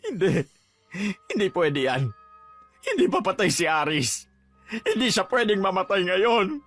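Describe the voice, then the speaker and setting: A man's voice: on the high side, very animated, fairly bright tone, no room sound, faint music behind. A man playing a proud father and boss who pleads and breaks down in a dramatized horror story. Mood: distraught. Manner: pleading, distraught, quick to break down. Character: proud middle-aged father and boss, now broken.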